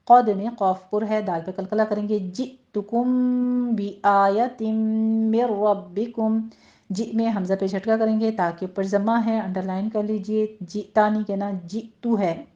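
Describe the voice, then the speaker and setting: A woman recitation teacher talks through pronunciation rules step by step, pausing to model words slowly and clearly. Her voice is mellow and warm, and the recording is slightly dull and lo-fi. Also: medium pitch, flat delivery. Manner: patient, instructive, slows right down to model each word. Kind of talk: tajweed lesson with slow recitation.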